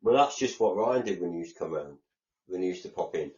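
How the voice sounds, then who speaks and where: A man's voice: sits low, animated, fast talker, mellow, lo-fi sound. An English man co-hosting a podcast, chatting casually and retelling conversations with lots of reported speech. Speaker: podcast co-host. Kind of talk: casual chat.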